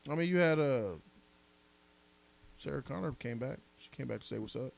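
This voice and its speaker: A man with a gravelly, mid-range voice speaks animatedly at a moderate pace while hosting a casual live podcast and reading donor messages. He argues about movies emphatically, repeating his points in slangy language with some swearing.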